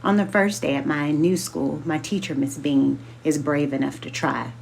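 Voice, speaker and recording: Low voiced woman reading a kids book aloud, a bit of fry, careful and slow on names. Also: fairly even intonation, darkish tone, slight background noise. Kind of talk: children's book read-aloud narration.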